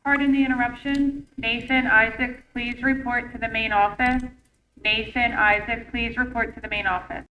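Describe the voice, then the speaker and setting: A woman making a formal, polite announcement over a school intercom loudspeaker. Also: on the high side, level tone, normal speed. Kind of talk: public address announcement. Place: classroom, heard through a wall speaker. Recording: distant dull loudspeaker with faint room noise.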